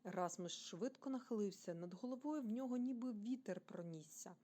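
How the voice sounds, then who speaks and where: A woman from Ukraine reading a children's bedtime story aloud, expressive and animated, speaking directly to young listeners. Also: mid-range voice, normal speed.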